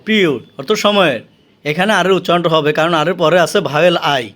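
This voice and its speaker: A man with a Bangladeshi accent teaching English vocabulary, saying each word slowly and repeating it with its meaning. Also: fairly high pitch, fairly bright tone.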